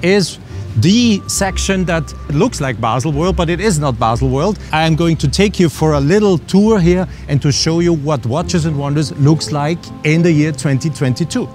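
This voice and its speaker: A man hosting a watch show, presenting to camera in a lively, chatty way. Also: on the high side, normal speed, soft background music.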